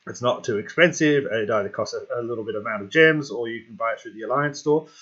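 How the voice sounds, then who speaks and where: A man's voice: medium pitch, fast, fairly bright tone, breathy edge, lo-fi sound. A man hosting his own gaming channel, walking through game strategy in a chatty, rambling way with lots of fillers and self-corrections. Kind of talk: casual game strategy tutorial.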